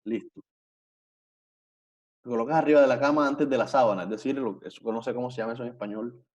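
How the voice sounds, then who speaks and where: A man's voice: mid-range voice, steady tone, fast, a little mellow, muffled recording. A male teacher giving an online language lesson, explaining patiently, repeating himself and often checking that students follow. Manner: patient, repetitive, checks understanding with frequent tag questions. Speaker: Portuguese teacher.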